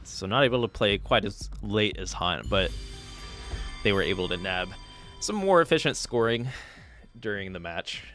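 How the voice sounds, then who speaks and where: A man's voice: lowish voice, expressive, normal speed, pauses often, fairly bright tone, soft background music. A man hosting a live stream, casually commentating game matches and chatting with players, thinking aloud with fillers. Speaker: stream host and match caster.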